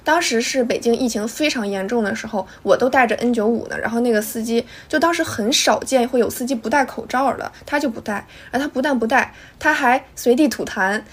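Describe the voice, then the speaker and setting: A young woman co-hosting a podcast, telling a story in a brisk, indignant way. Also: on the high side, slightly rough. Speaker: podcast co-host. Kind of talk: casual chat.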